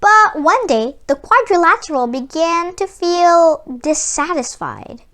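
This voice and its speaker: A woman reading a children's book aloud in an expressive storytelling style. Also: extremely high pitch, slow pace.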